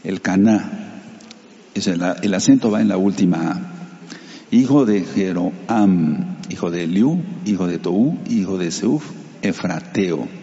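A man's voice: sits low, animated, a little slow, warm tone, big-room sound, highs cut off. A man preaching a sermon, reading scripture aloud and explaining it to the congregation, using Hebrew terms for sacred names. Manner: reads scripture then explains it, addressing the congregation.

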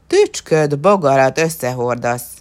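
A woman's voice: very deep voice, lively intonation, darkish tone. A woman voicing scornful villagers who mock and challenge with a wager. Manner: mocking and scornful.

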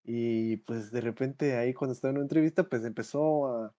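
A man's voice: medium pitch, brisk, dark tone. A young man with a Mexican accent, co-hosting a podcast in casual chat, slangy and rambling, full of fillers and restarts. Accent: Mexican Spanish. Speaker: podcast co-host.

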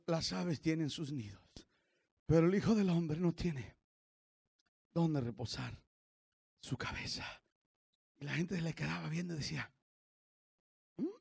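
A male pastor preaching a sermon, moving from loud sung praise to quiet storytelling and joking asides to the congregation. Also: gravelly, slightly rough. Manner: swings from shouted sung praise to low storytelling. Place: church.

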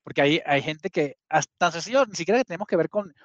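A man in his thirties speaks as an interview guest, earnest and slightly high-voiced, often backing up to restart a phrase. The recording is dull and a little muffled, with a dry sound and no room echo. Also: animated, fast. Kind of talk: conversational storytelling.

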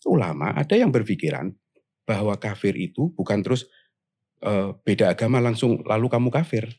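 A man in a casual panel discussion, explaining his views in a measured way, often pausing and restarting. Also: fairly low pitch, lively intonation, dark tone, breathy edge.

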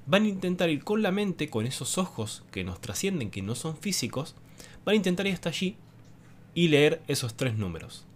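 Male host, animated explainer with a lively pitch and rhetorical asides. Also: a little hiss or hum. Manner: animated teacherly talk with rhetorical questions. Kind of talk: explanatory monologue to camera.

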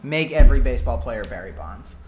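Brief: mid-pitched joking co-host from greater Boston, echoey room. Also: big pitch swings, fairly quick, noisy background. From greater Boston area. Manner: joking, swearing, laughing. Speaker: podcast co-host. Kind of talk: casual chat.

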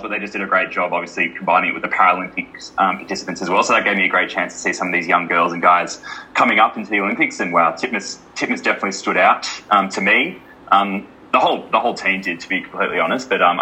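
An Australian man co-hosting a casual sports chat, earnest and quick with many ums. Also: sits low, bright, forceful tone, poor audio. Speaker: podcast co-host.

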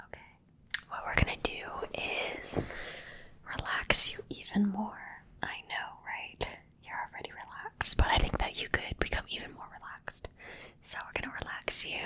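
Woman ASMR whisperer, slow and bright, right on the mic, soft repeated words. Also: on the high side, breathy edge. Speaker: ASMR creator. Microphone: close microphone.

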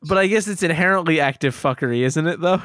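A man's voice: on the high side, quick pace, no echo. Wry, joking podcast man. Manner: wry, joking deadpan, laughs at own jokes. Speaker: podcast co-host. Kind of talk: casual chat.

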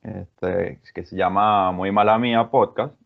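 A man hosting a podcast, asking questions in a relaxed, friendly way. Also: low-pitched, measured pace, creaky. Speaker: podcast host. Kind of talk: casual podcast chat. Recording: dull, muffled sound.

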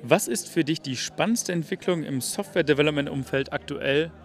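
A man interviewing colleagues outdoors at a summer party, asking questions in a relaxed way with many fillers. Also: fairly high pitch, fairly quick. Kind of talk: casual interview.

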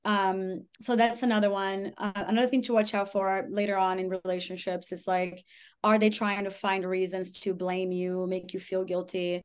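A woman's voice: mid-range voice, flat delivery, normal speed, smooth. A woman talks as a guest on a podcast in a loose, conversational way. Her speech is full of "like" and "you know", and she acts out the lines of people in her stories. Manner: chatty, lots of "like" and "you know", acts out quotes. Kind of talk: casual conversational storytelling.

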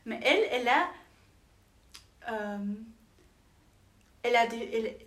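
Young woman, casual chat, hesitant storyteller, high voice, echoey room. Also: lively intonation, takes it slowly, fairly bright tone. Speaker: podcast guest. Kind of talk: casual chat among friends.

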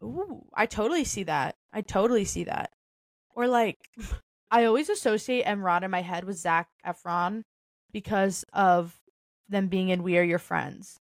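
A woman co-hosting a casual chat podcast with a playful, teasing manner that swings into loud disbelief. Her pitch is middle for a woman. The recording is close and dry. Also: normal speed, dry recording. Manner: playful, teasing, loudly incredulous. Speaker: podcast co-host.

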